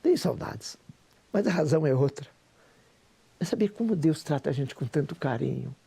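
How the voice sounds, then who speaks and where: A man's voice: on the high side, animated, normal speed, gravelly, mellow, slightly rough. A Brazilian man in his sixties, a pastor, giving an emotional, preacher-like personal testimony with a Brazilian Portuguese accent. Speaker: pastor and businessman.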